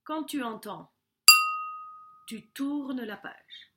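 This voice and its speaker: Woman storyteller, slightly high voice, expressive audiobook reading for kids. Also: over loud music. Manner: slow, expressive storytelling with soft drops.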